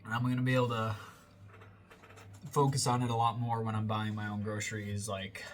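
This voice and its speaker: The fitness vlogger's casual workout voiceover wanders, packed with fillers and self-corrections; he's a young American man with a congested nose. On a close voiceover mic with slight background noise, his voice sits on the low side, monotone and fairly quick.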